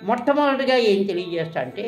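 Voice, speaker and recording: A woman's voice: mid-range voice, expressive, fast talker, roomy sound, faint music behind. A woman teaching a shorthand lesson, quizzing her listeners with questions and then answering them herself. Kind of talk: classroom lesson.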